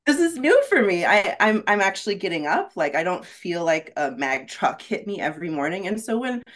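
Very animated, with a mid-range, fairly bright voice at normal speed, a rock climbing guide is interviewed on a podcast. She talks candidly and earnestly in a reflective way, often adding "right?"

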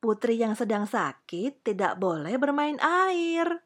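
A woman's voice: on the high side, very animated, slow pace, exaggerated voice. A woman doing a fussy palace maid. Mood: scolding.

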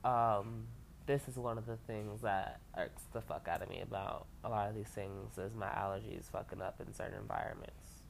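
A woman with an extremely low voice and heavy vocal fry hosts her own podcast from home, rambling loosely at normal speed with fairly even intonation and hardly any pauses. She uses lots of fillers and casual swearing and sounds a little stuffy from allergies. A laundry dryer runs nearby, lo-fi music plays beneath her voice, and there's slight background noise.

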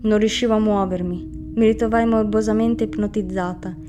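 A woman narrates a grim first-person story. Her pitch barely moves, which gives the reading a flat, heavy feel. Music plays clearly beneath her voice. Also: normal speed. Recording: music bed under the reading. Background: music underneath.

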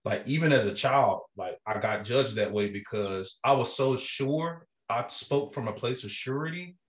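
A man speaking earnestly and haltingly in casual, slangy, reflective conversation, with a roomy echo on the recording. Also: medium pitch. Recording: roomy, echoing sound.

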